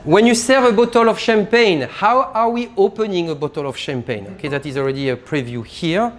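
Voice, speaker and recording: A man, a sommelier leading a live champagne tasting class, talking in an animated way and explaining as he demonstrates, recorded in a private tasting room. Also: high-pitched, fairly quick.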